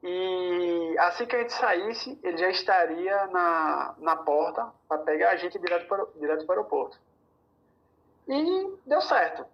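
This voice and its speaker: A man from Brazil tells a story in a relaxed podcast chat, voicing the other people's lines as he goes. He speeds through some bursts and slows down for others. The audio is somewhat dull and lo-fi. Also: high-pitched. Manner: animated, quotes dialogue, rushes through bursts. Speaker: podcast guest. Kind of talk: casual storytelling.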